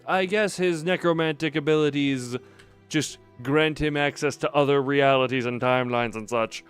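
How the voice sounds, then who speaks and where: A man's voice: on the high side, steady tone, moderate pace, clean tone. Man narrating a story game over music. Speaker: game player reading dialogue aloud.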